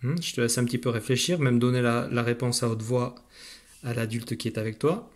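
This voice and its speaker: A man's voice: medium pitch, steady tone, fairly quick. A man teaching a phonics lesson to a young child, patient and encouraging, speaking straight to the learner.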